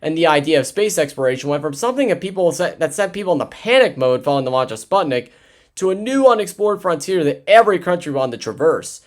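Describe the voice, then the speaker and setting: A man's voice: a little high, big pitch swings, fast talker. A man narrating a history documentary casually, with chatty asides and frequent self-corrections. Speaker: history video host.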